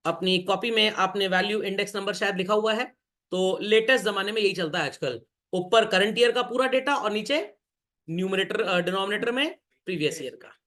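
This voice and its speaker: A man lectures a classroom in a raised, high voice. He keeps quizzing the students and drops in quick joking asides between points. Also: pushed and bright. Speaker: commerce teacher.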